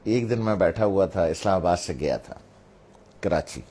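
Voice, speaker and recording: A man's voice: low-pitched, over loud music. A middle-aged man from Pakistan, a religious speaker telling a family anecdote to draw a moral from it. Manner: anecdotal, acts out family members' voices. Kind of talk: storytelling talk with a moral.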